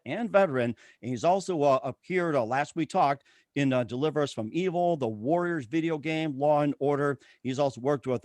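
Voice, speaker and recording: With a voice on the high side and no echo in the recording, this man hosts a talk show. He reads ad plugs and guest introductions in an announcer-like manner, leaning on stock phrases.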